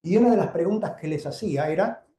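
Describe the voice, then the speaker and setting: Fairly high-pitched and expressive, a male Argentine doctor speaks quickly in a mellow voice while giving a keynote as an informal public lecture. He is conversational and didactic, often checking in with the live audience, and the indoor venue makes the recording echo noticeably.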